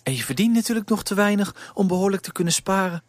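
A man voicing a kind, motherly baker's wife in a storybook reading, gently scolding and warm-hearted. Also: high-pitched, animated, fast talker, no echo, voice pushed up.

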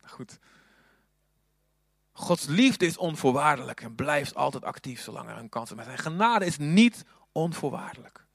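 Fervent preacher with dry sound. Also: male voice, a little high, animated, normal speed, gravelly, breathy edge, no room sound. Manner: swings between hushed whispers and loud fervent appeals. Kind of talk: sermon.

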